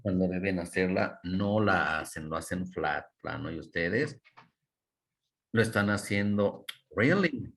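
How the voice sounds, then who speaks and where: A man's voice: deep voice, a little slow, vocal fry, a bit bright. Man teaching English by video call. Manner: coaching, mixes Spanish and English, models intonation. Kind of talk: online class feedback.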